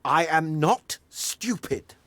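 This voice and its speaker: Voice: mid-range voice, lively intonation, takes it slowly, a bit bright, dry recording. An actor playing a lazy, grumpy male troll who complains in a huffy, whiny way. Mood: grumbling. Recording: game audio with faint music.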